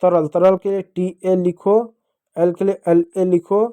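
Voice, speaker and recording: Slow, patient teacher, higher voice. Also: male voice, level tone, mellow. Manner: slow, patient, repeats each step. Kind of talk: spelling lesson for children.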